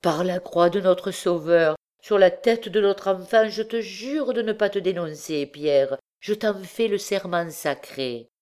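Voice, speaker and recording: A woman voicing a coarse, scheming male bandit who taunts his wife in a lowered, gruff voice. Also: unhurried, hardly any pauses, darkish tone, close to an everyday voice. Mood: mocking.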